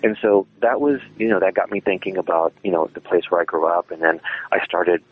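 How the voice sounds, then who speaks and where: Low-voiced author guy on a radio interview, lots of ums and restarts, thoughtful. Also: brisk, breathy edge, phone-quality sound. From South Texas border region, born in Mexico. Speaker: author and historian guest. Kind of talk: interview answers. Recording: radio broadcast.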